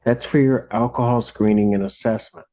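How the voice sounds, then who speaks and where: A man's voice: fairly low pitch, fairly even intonation, normal speed, mellow. A man presiding as a judge, speaking sternly and scolding from the bench, heard through a played-back courtroom recording. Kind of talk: presiding over a court hearing.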